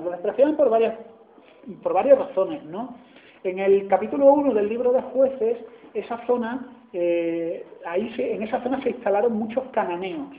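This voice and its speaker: A man from Spain with an Andalusian accent, preaching a sermon in a chatty way and often asking his listeners "¿no?". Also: sits high. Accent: Andalusian Spanish. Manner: conversational, asks "¿no?" often. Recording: echoey hall over a tinny line.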